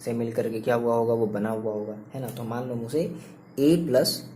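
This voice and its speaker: A man's voice: mid-range voice, steady tone, normal speed, mellow, a little hiss or hum. A young man teaching an online chemistry lesson in a chatty way, asking and answering his own questions and repeating points. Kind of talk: online class lecture.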